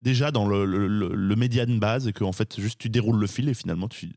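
A man's voice: on the low side, fast, darkish tone, dry recording, clean studio sound. A man, a podcast regular, chatting casually and hesitantly about a favorite video. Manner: hesitant, full of "euh" and restarts, amused. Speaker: podcast host. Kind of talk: casual chat.

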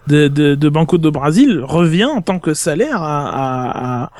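A man with a high speaking voice talks through his point in a casual podcast chat, often stalling on repeated words. The recording is close and dry. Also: lively intonation, unhurried, a little mellow, no echo. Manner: explanatory, repeats words while thinking. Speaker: podcast co-host.

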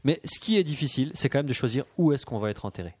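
Casting: quick, dry-miked male podcast co-host, chatty and rambling. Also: medium pitch, animated, darkish tone, slightly rough, no echo. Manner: rambling storyteller, laughs often. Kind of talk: casual chat.

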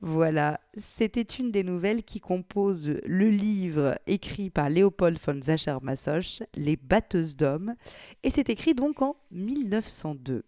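Expressive female reader, mellow voice, lively intonation, dry close sound. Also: fairly low pitch, measured pace, no room sound. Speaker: reader presenting an anthology. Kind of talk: reading a story aloud, then casual commentary.

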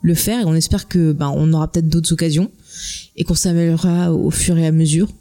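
A woman's voice: low-pitched, steady tone, a little fast, warm tone. A woman hosting a podcast in casual chat, chatty and hesitant with many fillers. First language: French. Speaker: podcast host.

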